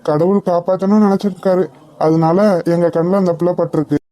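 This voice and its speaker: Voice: medium pitch, fairly even intonation, a little fast, mellow, no room sound, close to an everyday voice. A voice actor playing a modest, good-hearted husband in a cartoon who speaks reassuringly. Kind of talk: cartoon voice acting.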